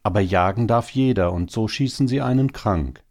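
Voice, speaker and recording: A man's voice: fairly low pitch, moderate pace, a little mellow, voice pushed up, natural voice. A man reading a story, voicing a wounded female hare who limps and laments in a raised, plaintive tone. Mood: indignant. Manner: plaintive, sighing.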